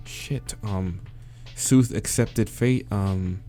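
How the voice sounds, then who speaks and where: Speaking extremely slowly in a lowish voice, a man reads a visual novel's dialogue aloud in a let's play, with soft background music. He mutters hesitantly and swears as he picks answers, then reads steadily.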